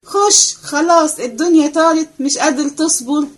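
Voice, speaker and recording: A woman's voice: on the high side, expressive, very fast, close to an everyday voice. A woman voicing a lazy, cheeky young maid with an Egyptian accent, answering back teasingly. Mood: sassy. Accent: Egyptian Arabic.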